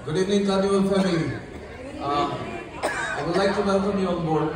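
A man's voice: high-pitched, fairly quick, very noisy. A middle-aged man with an Indian accent, a hotel director giving a formal welcome speech and toast. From Goa, India. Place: large ship atrium, indoors. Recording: echoey hall from far off, crowd behind.

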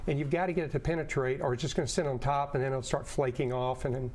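A man's voice: mid-range voice, steady tone, quick pace, darkish tone, a little hiss or hum. A man in his fifties, a guest on a studio talk show, explaining earnestly with many fillers and restarts, on a lapel mic. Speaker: product representative guest. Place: TV studio set.

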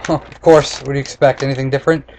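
A man in his twenties reviews snacks into a computer webcam at close desk distance in a small indoor room. His mid-range, darkish voice is fast and flat, and he rants bluntly with sarcasm. The webcam mic is noisy and picks up room noise.

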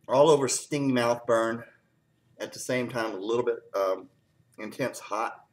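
A man with a mid-range voice casually reviews hot peppers, teary from the heat. He speaks haltingly with lots of fillers and keeps clearing his throat.

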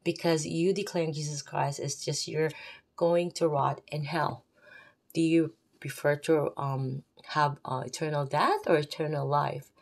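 With a low voice, steady tone and vocal fry, a Filipino-accented faith vlogger speaks to her viewers at a measured pace. Her unscripted talk about her faith wanders freely and includes conversational asides.

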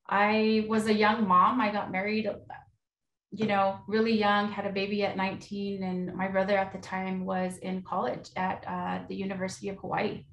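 A woman's voice: mid-range voice, distant mic. A woman in her thirties with an American accent, giving an informal personal talk to an online group as a guest speaker, a little hesitant. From Pueblo of Isleta, New Mexico, USA. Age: 30s. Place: small home room indoors, on a video call. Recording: echoey room on a video call.

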